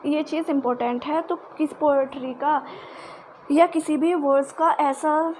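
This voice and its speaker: A woman's voice: high-pitched, fairly even intonation, a little mellow, slight background noise. A woman teaching a lesson, going over key terms again and often checking in with an okay. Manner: slow, halting delivery with fillers and restarts. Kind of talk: explanatory lesson for students.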